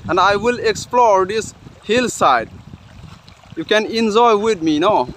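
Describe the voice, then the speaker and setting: A man vlogs outdoors in a high voice. He mixes Hindi and English, exclaiming in wonder. His delivery is slow and unhurried. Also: lively intonation, fairly bright tone, slight background noise. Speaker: vlogger exploring outdoors. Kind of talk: outdoor exploration vlog. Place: outdoors on rocky riverbed and hillside.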